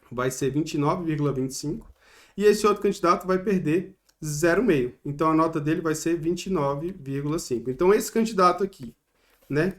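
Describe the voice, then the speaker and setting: A man with a Brazilian Portuguese accent gives an online exam-prep lesson in a slightly raised voice. He explains step by step and keeps checking in with short tag questions, recorded on a close mic. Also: a little high.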